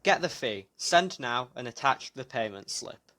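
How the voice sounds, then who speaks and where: Man putting on a terse scammer voice, slow, blunt, broken English, mid-pitched and dry. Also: no echo. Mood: demanding. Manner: curt, broken-English demands, slow and flat. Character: terse demanding male email scammer.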